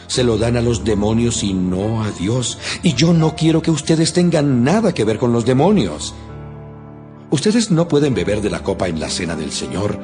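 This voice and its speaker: An actor playing an earnest, stern apostle in a dramatized audio Bible, with solemn, emphatic, preacherly delivery. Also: male voice, mid-range voice, a little mellow, lightly acted. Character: apostle Paul, earnest, stern male preacher to his flock. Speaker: Bible reader voicing the apostle Paul. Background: music behind the voice.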